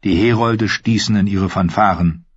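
A man reading an audiobook in a measured, unhurried way, with a husky voice. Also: on the low side, no room sound. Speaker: audiobook narrator. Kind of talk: scripted narration. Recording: dull, dry lo-fi audio.

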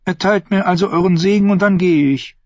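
A man's voice: high voice, fairly quick, darkish tone, no room sound, voice pushed up, close to an everyday voice. A man voicing a sly, sweet-voiced young woman with a lilting, scheming delivery in an audiobook. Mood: sweet, pleading. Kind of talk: audiobook character voice. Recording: dull lo-fi audio.

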